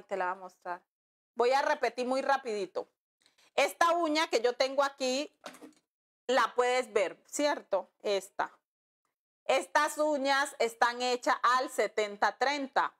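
A woman's voice: on the high side, a bit bright. A woman teaching a nail class on a live stream, chatting with her viewers and calling them love and friend as she reads their comments. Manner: chatty, calls viewers "mi amor" and "amiga". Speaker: nail art instructor.

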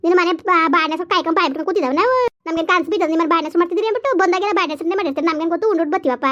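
A woman playing a shrill, quick-tongued village woman. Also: fairly bright tone, dull audio. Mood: scolding. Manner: quarrelsome, scolding, argumentative. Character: bickering village woman in a family feud. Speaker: village family drama actor. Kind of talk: village family drama dialogue.

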